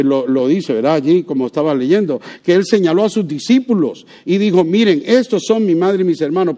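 A pastor delivers a sermon in a dark-toned voice that sits on the high side for a man. His style is conversational: he poses rhetorical questions to the congregation and slips in light jokes.

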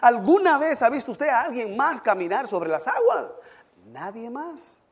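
A man preaching from the pulpit in a high voice. He climbs to emphatic peaks on key points and sinks low and quiet in prayer. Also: big pitch swings, normal speed, husky. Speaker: pastor. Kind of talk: sermon with scripture reading and prayer.

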